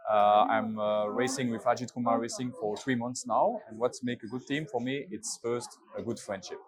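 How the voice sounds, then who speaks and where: A man's voice: medium pitch, steady tone, normal speed. Young man in a noisy crowd. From Belgium. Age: 20s. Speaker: racing driver.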